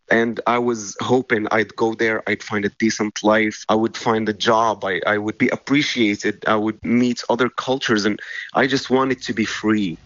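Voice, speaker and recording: Male live interpreter, low-pitched, measured first-person delivery, dry and slightly muffled recording. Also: no echo. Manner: steady live interpreter voice, plain and measured with small pauses.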